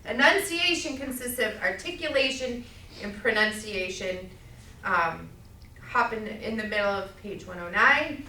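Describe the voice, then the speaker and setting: A middle-aged woman with a Massachusetts accent teaching a speech class, loud and projecting, checking in with "okay?" as she goes. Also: mid-range voice, animated, measured pace, recorded from a distance, a little hiss or hum. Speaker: college speech instructor. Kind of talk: classroom lecture. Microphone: camera at a distance. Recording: echoey classroom recorded from afar.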